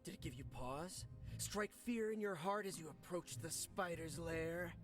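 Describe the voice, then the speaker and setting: A young video game superhero trying on a bold heroic voice meant to scare. He is theatrical and mock-menacing, with very lively pitch over faint music. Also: unhurried. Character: young wisecracking superhero practicing a bold, scary hero voice.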